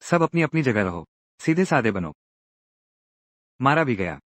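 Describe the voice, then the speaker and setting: Male recap narrator, mid-pitched and very lively, dry close sound, acts out all the parts. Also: a little slow, dry recording. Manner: lively, acts out each character's lines in turn. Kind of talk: dramatic Hindi recap narration voicing every character.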